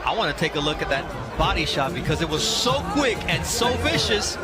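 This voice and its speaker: A man's voice: fairly high pitch, big pitch swings, brisk, loud music behind the voice, over a noisy crowd. A man calling boxing live as play-by-play commentator, with emphatic, polished broadcast delivery.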